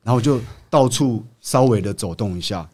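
A man's voice: medium pitch, fairly quick. A man, a podcast guest telling a story in casual chat and acting out the quotes. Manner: animated storyteller, acts out quotes.

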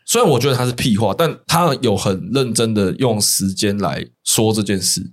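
A man with a Taiwanese accent speaks in a fairly low voice, as a host in casual podcast conversation. His phrasing is colloquial and joking, with soft particles closing many sentences. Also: normal speed.

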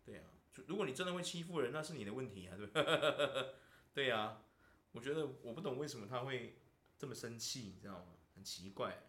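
Animated Taiwanese-accented man venting. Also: mid-range voice, a little fast. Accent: Taiwanese Mandarin. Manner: animated venting, keeps asking "you know?". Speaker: podcast host. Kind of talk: casual chat. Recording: roomy echo.

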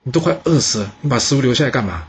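A man's voice: medium pitch, animated, racing, muffled recording, slight background noise, lightly acted. A man doing an earnest ancient chancellor. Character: upright middle-aged male chancellor.

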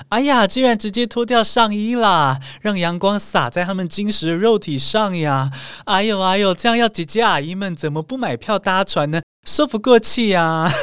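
A man's voice: fairly high pitch, a bit bright, no room sound, studio quality. A man hosting a podcast English lesson, telling a travel story in a playful, teasing way. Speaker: podcast host and English speaking coach.

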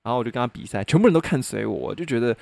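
A man's voice: medium pitch, lively intonation, very fast, creaky, darkish tone, dry recording. A young man with a Taiwanese Mandarin accent, telling casual stories on his podcast. He swears often and laughs in the middle of sentences. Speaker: podcast host. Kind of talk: casual solo storytelling.

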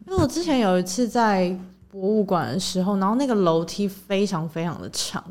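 A woman's voice: mid-range voice, lively intonation, fairly quick, darkish tone. A woman co-hosting a casual chat show, telling a story hesitantly with many fillers. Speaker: podcast co-host.

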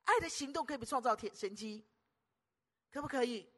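An older woman preacher, giving an animated, teasing sermon full of rhetorical questions. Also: a little high, fairly quick.

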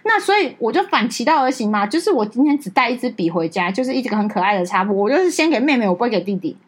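A young woman co-hosts a casual podcast chat, recounting a personal story at a brisk clip. She slips into the voices of the people in her story as she goes. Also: a little high. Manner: animated storytelling, acts out quoted dialogue. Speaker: podcast co-host.

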